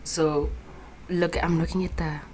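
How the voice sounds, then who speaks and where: A South African woman in her twenties, a vlogger, talks casually to camera in a fairly low, level, unhurried voice with a slightly mellow quality. She rambles, swears freely, and drops in local words. The audio is poor with slight background noise, captured on a phone camera with a clip-on mic.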